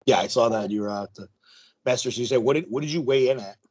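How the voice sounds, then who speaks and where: A man hosting a podcast, chatting casually and interviewing his guest with many pauses and restarts. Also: medium pitch, a little mellow. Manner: hesitant, many fillers. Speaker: podcast host.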